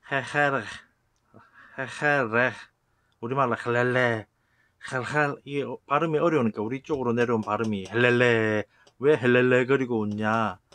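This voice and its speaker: A man giving a casual spoken lecture as a channel host, acting out rough retorts with sudden loud bursts. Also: mid-range voice, no room sound. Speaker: channel host explaining word origins.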